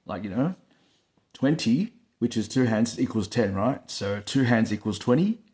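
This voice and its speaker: A man's voice: lowish voice, normal speed, a little mellow. A man hosting his own vlog, chatting casually to camera, with rambling talk full of fillers, recorded on a phone on a stand. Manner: rambling, full of "like, you know" fillers, laughs often. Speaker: vlog host.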